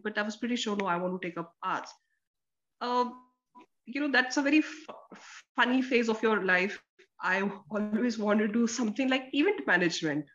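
A woman with a North Indian accent chats candidly about her own life, slipping between English and Hindi. Her pitch sits in the middle, and the recording is dull and a little lo-fi. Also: a bit bright. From Jammu, India. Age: 30s. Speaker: interview guest, lawyer. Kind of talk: casual personal storytelling. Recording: dull lo-fi audio.

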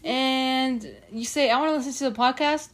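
A young woman co-hosting a podcast, chatting casually with slang and excitable giggles. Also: sits high, moderate pace. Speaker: podcast co-host. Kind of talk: casual chat.

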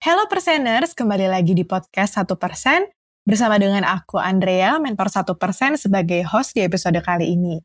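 A woman hosting a podcast, introducing the topic and sharing her own experience in a friendly, measured way. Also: medium pitch, expressive, no room sound. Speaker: podcast host. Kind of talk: casual podcast chat.

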